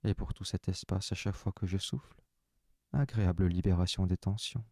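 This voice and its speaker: Very low, calm man guiding relaxation. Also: no echo, studio quality. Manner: slow, soft, calm first-person instructions. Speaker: relaxation guide. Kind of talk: guided sophrology relaxation.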